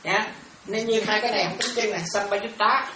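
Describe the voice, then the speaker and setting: A Buddhist nun teaches a dharma class, explaining Pali terms and stopping often to check that listeners keep up. She repeats words as she works through each point. Her voice comes from some distance in an echoey room with clear ambient noise behind. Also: medium pitch, steady tone, a little fast. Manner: repetitive, keeps checking if students follow.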